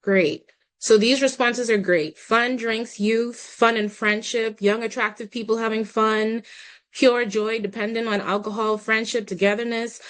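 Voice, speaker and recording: A young woman from the Bahamas, with a fairly high-pitched voice, presents slides in a webinar over a video call. She politely guides the audience through a poll.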